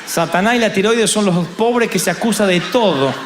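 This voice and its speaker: An Argentine man preaching a comic sermon, animated and joking, who acts out the story's characters. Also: high voice, normal speed, noisy background. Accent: Argentine Spanish. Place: large hall with audience. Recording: echoey hall, faint crowd.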